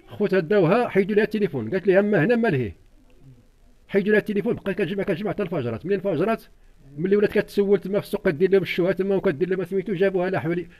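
A man's voice: high-pitched, a little mellow. An older man with a Moroccan accent giving an urgent, repetitive, pleading account as an interviewee. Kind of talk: distressed eyewitness account.

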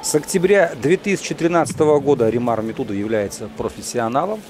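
A man giving live boxing commentary in measured, short phrases with pauses. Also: mid-range voice, lively intonation, background noise.

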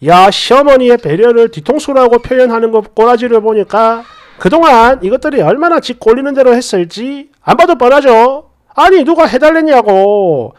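Female story narrator, sarcastic, lively pitch, dramatic read. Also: normal speed. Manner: sarcastic, expressive commentary. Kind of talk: dramatic storytelling of reader stories.

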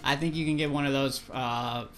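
A man chatting his way through a beginner art lesson, loose and self-deprecating, tripping over words and restarting sentences. His voice sits at an everyday middle pitch. Faint music plays behind him. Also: fairly even intonation, normal speed. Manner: yells at noises in outbursts. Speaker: online art teacher. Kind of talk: casual lesson, rambling and joking.

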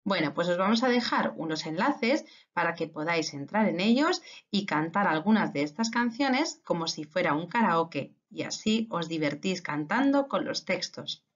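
Woman teacher for kids' video lesson, animated delivery, slightly dull lo-fi sound. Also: on the low side, normal speed, hardly any pauses. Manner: lively, playful, reciting riddles and tongue twisters. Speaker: primary school teacher. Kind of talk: recorded remote lesson for children.

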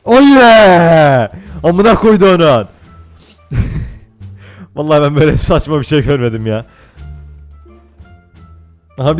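A young man giving casual, excitable gameplay commentary, swearing and laughing often. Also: on the high side. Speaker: gaming YouTuber.

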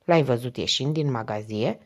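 A woman voicing a calm, middle-aged male police inspector who asks measured, encouraging questions in an audiobook reading. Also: very deep voice, voice pushed down. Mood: probing.

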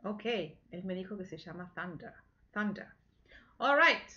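A woman English teacher giving a slow, patient children's lesson from home, drilling phrases over and over and mixing English and Spanish. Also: mid-range voice, lively intonation, sharp tone, highs cut off.

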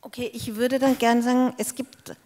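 A woman's voice: on the high side, flat delivery, moderate pace, warm tone. A woman moderating a panel discussion in a large hall, guiding with questions and explanations on a handheld mic.

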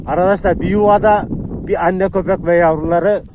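A man's voice: sits high, a little fast, noisy background. A man in a casual vlog, feeding stray dogs outdoors in snowy countryside and talking to viewers and to the dogs. His hands are freezing in the cold, and he coaxes the dogs in a soothing voice. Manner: talks to dogs in a soothing coaxing voice; shouts excitedly while running.

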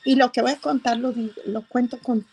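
A middle-aged woman giving an emotional personal testimony, telling her story slowly with hesitations. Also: fairly high pitch, steady tone, a little mellow, husky, soft background music. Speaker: interviewee.

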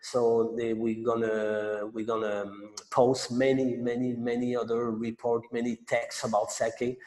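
A man's voice: mid-range voice, a little mellow. Quebec-accented man in an echoey room. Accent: Quebec French. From Montreal, Quebec. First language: French. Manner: halting, many fillers and restarts. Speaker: sake masterclass host. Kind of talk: online masterclass introduction. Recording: roomy echo with long reverb.

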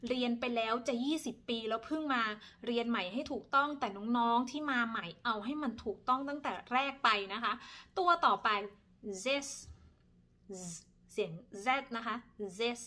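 A woman in her thirties teaching pronunciation politely, repeating each word several times. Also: a little high. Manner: polite, ends phrases with soft particles. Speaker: language teacher. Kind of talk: pronunciation lesson.

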